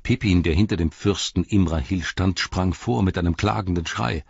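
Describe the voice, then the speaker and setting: Deep-voiced male audiobook narrator. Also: moderate pace, vocal fry, husky, no room sound, muffled recording. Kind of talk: scripted fantasy narration.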